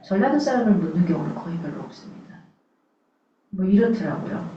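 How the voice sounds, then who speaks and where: A woman's voice: mid-range voice, lively intonation, fairly quick, mellow, a little hiss or hum. A woman pastor from Suncheon, in the south of Korea, giving a sermon in an earnest, conversational way and often putting rhetorical questions to the congregation. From South Korea, Suncheon in Jeolla. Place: church sanctuary. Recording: echoey, distant, dull church recording.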